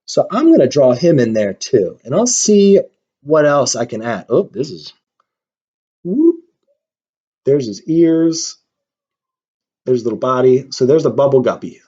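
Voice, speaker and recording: A dull lo-fi recording captures a man drawing while upbeatly addressing young children through a storybook reading and a lesson. His mid-range voice is very animated, warm, and slightly rough, at a moderate pace.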